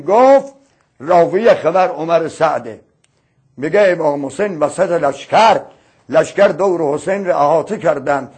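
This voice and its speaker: A man's voice: on the high side, husky. A man preacher telling a mourning religious story in a dramatic, chant-like way. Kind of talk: mourning sermon narration with chanted verse.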